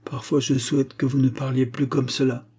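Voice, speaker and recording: A man reading aloud, voicing a gentle, grieving young blind woman in a raised, tender pitch. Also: little pitch movement, moderate pace, husky. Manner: pleading, tender.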